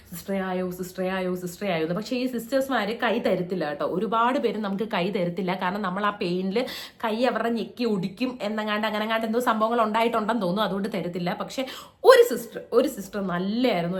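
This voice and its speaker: A young woman tells a personal story in a casual, chatty vlog, acting out quoted lines in raised voices. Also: mid-range voice. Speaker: vlogger.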